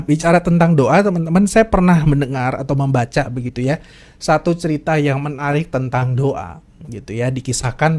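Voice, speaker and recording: A man's voice: a little high, a little mellow. Chatty male devotional speaker. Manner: chatty, frequent laughs, repeats "teman-teman". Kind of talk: casual devotional talk.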